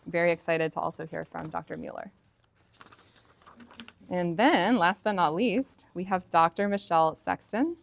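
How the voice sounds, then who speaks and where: A woman hosting an event, introducing speakers informally with fillers and quick self-corrections. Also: fairly low pitch, no room sound. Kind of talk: casual introductions. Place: conference room.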